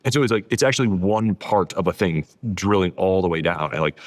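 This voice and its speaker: A low-voiced author appears as a podcast guest, explaining ideas in a casual interview with animation and a slightly fast pace. He peppers his sentences with "like" and repeats adjectives for emphasis.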